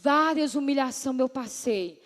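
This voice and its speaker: A woman's voice: high-pitched, measured pace. A woman pastor, earnestly preaching her testimony to the congregation and addressing them as brothers and sisters. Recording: long hall reverb.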